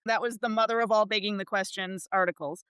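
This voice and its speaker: A woman on a discussion panel, thinking out loud in a loose, chatty way full of fillers. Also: mid-range voice, steady tone, quick pace, smooth, dry recording. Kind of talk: casual discussion.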